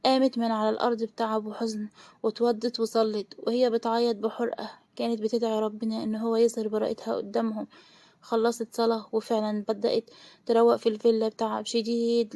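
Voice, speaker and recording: A woman's voice: a little high, vocal fry, dark tone. A woman with an Egyptian Arabic accent narrating a dramatic romance story, voicing its characters' lines with feeling. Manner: fast, emotional storytelling with voiced quotes.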